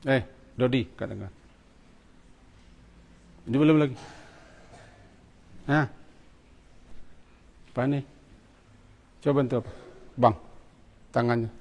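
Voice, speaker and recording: A man with a creaky, mid-range voice leads a hands-on prayer lesson for students in a mosque prayer hall, speaking slowly with frequent pauses. As their religious teacher, he gives short commands and coaxes them along, with long hall reverb on a muffled recording.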